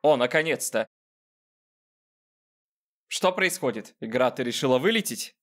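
A man's voice: mid-range voice, animated, a little slow. A man hosting a gaming video with casual joking commentary, sarcastic and talking directly to the game character.

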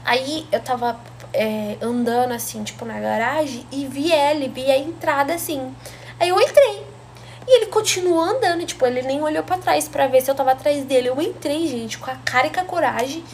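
A young woman with a high voice tells a personal story in a casual, chatty way. She talks straight to her viewers and animates the telling as she goes. A faint hiss runs under her voice. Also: brisk.

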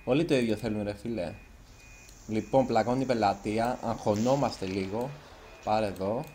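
A gaming YouTuber does let's play commentary in a lowish, mellow voice with fairly even intonation and a little hiss or hum in the background. He's chatty and nervous, self-conscious, and trips over his words now and then.

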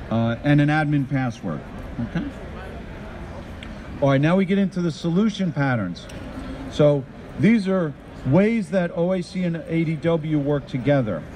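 A man's voice: on the high side, mellow. A middle-aged man giving a live tech talk on a trade show floor into a handheld mic, upbeat and quizzing the audience. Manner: upbeat, addresses the crowd with questions. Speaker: conference presenter. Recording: faint show-floor noise.

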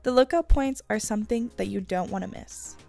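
A female travel narrator reads a scripted guide at a brisk pace. Her tone is warm and low in brightness, with a gravelly fry, and faint music plays in the background.

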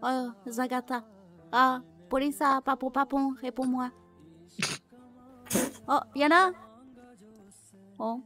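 A woman's voice: high voice, fairly even intonation, slow, pauses often, pushed and bright, faint music behind, exaggerated voice. A woman voicing a cheerful foreign medic who talks in broken French and repeats herself. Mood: babbling. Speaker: streamer role-playing a medic. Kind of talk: in-character game role-play.

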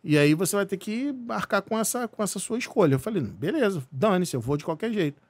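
A man from Brazil, telling a personal story as a podcast guest, animated and full of restarts. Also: high-pitched, brisk, no echo. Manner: animated, many restarts and repeated words. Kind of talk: casual storytelling.

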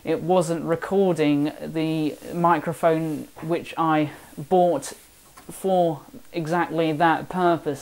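A man's voice: fairly high pitch, clear, resonant tone. A seventeen-year-old young man from the south of England with a southern English accent, chatting casually and self-deprecatingly in a vlog voice-over. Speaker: woodworking vlogger. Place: home workshop.

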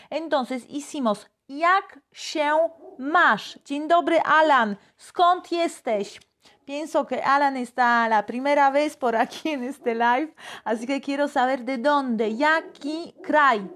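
A high-pitched woman leads a live online language lesson. She speaks slowly and repeats phrases for her viewers to copy. She is recorded on a phone or webcam for a live stream. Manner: slow, drills phrases aloud and greets viewers. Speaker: Polish language teacher.

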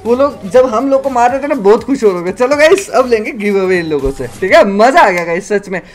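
A man from India commentating a mobile shooter match, shouting quick callouts to his squad. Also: high-pitched, lively intonation, soft background music. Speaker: gaming channel host. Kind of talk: excited gameplay commentary with squad.

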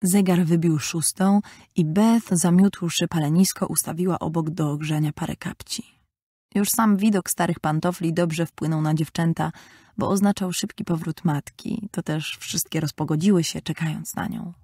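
A woman narrating a classic novel in a measured, expressive storytelling manner. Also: fairly low pitch, husky, no room sound, studio quality. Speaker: audiobook narrator. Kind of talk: scripted narration.

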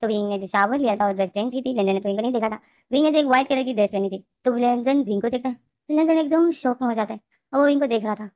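Woman storyteller, fast, fairly high voice, dry close sound, repetitive retelling. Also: darkish tone, dry recording. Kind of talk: retelling a fan-fiction story.

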